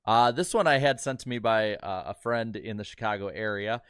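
Guy cohosting a podcast, lowish voice, dry close sound, lots of uhs, jokey. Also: fairly quick, fairly bright tone, smooth, no room sound. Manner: loose, joking, reads news items with many fillers. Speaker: podcast co-host. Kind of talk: casual podcast chat.

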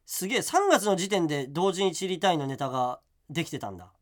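Laughing man in rough teasing banter. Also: a little high, expressive, fast talker. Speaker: comedian co-host. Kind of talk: casual chat.

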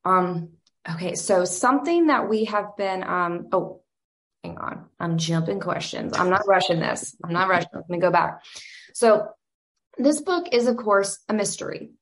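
A woman from Georgia at a mid-range pitch, hosting a casual interview. She sounds eager and gushing, and fills her questions with "um" and quick asides. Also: animated. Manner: enthusiastic, gushing, many fillers.

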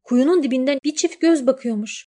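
A woman narrating a fairy tale, shifting between hushed lines and dramatic rises. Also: sits high, brisk. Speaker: storyteller.

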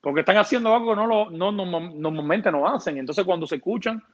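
A man's voice: high-pitched, quick pace. A man, a music producer talking casually in an interview, rambling and restarting his words with many fillers. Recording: dull lo-fi sound.

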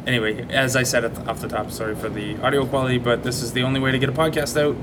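Fast-talking man on a low-quality stream. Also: fairly even intonation. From Canada. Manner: quick, chatty, lots of fillers. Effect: low-quality audio stream. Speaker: podcast host. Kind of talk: casual sports podcast chat. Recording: noisy low-quality audio with rumble.

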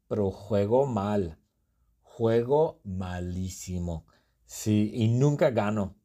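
Guy teaching spanish w a silly repeated story, low husky voice, really slow. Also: mellow. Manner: slow, repetitive, playful storytelling with exaggerated exclamations. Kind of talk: comprehensible-input storytelling lesson.

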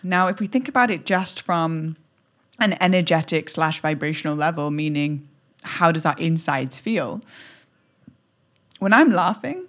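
A woman's voice: low voice, expressive, measured pace. A woman podcast guest talking animatedly, playful and exuberant, acting out little scenes as she goes. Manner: playful, exuberant, acts out scenes with squeals and laughs. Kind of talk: animated conversational talk.

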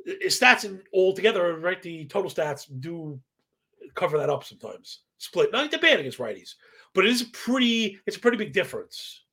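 A man with a high voice and a heavy creak runs through baseball betting analysis. He talks like a slangy professor, stacking statistics in a casual way and tagging points with a quick "right?". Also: bright, forceful tone. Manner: slangy, asks "right?" as a constant tag; self-described professorial, rattles off statistics. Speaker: sports betting analyst, live stream host.

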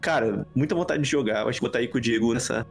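Slangy Brazilian man, mid-pitched. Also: racing, gravelly, faint music behind. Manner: slangy, repeats phrases. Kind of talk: casual chat.

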